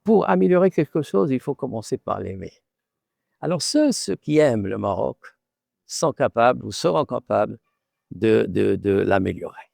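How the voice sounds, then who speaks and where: Born in Morocco with Arabic as his first language, a middle-aged author and professor responds to an interviewer in a deep, gravelly voice. He's thoughtful and expressive, repeating words as he hunts for phrasing, at a moderate pace with a darkish tone. The recording is dry, without echo or room sound.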